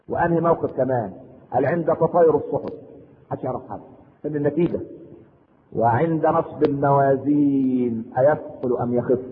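An impassioned male preacher with an Egyptian Arabic accent, moving between slow, solemn recitation and colloquial storytelling. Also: fairly high pitch, slight background noise. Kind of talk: emotional religious sermon. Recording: tinny lo-fi audio in an echoey hall.

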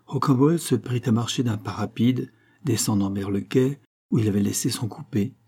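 Brief: male narrator for a classic adventure novel, mellow and husky, steady pace. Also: lowish voice, normal speed. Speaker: audiobook narrator. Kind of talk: scripted narration.

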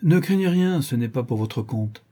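A man's voice: medium pitch, animated, normal speed, warm tone, breathy edge. A man reading as a stern, sly old count. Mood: authoritative. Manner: dry, commanding, sly. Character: stern but kindly aging count, governor. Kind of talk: audiobook reading.

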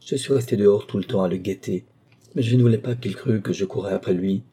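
A man reading the part of a proud young woman who answers back with sharp, scornful defiance. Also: on the low side, fast, breathy edge. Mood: defiant.

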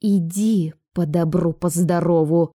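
A woman's voice: lowish voice, steady tone, slow, warm tone. A woman voicing a suspicious, blunt grown daughter who mocks and threatens. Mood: mocking. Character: tall grown-up daughter, suspicious, gruff and mocking.

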